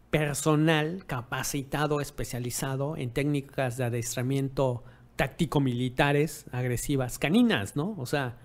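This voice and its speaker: This medium-pitched, somewhat mellow male voice offers laid-back tips on keeping a dog. Rhetorical tag questions cap many of his remarks, and he voices the dialogue of people he mentions.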